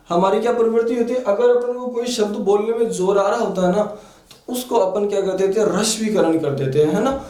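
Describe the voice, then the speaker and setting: Casting note: male Rajasthani-accented teacher, high mellow voice, heard from a distance in a roomy class. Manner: asks rhetorical questions and answers them, repeats "है ना". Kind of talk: classroom lecture for exam prep. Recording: echoey room, voice from off the mic.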